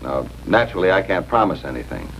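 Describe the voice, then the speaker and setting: A man's voice: sits low, very animated, fast talker, vocal fry, fairly bright tone, exaggerated voice. A man playing a confident, matter-of-fact police detective in a 1950s TV broadcast drama. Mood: brisk. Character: confident middle-aged male police detective. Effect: 1950s TV broadcast sound. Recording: dull lo-fi 1950s TV soundtrack with faint hiss.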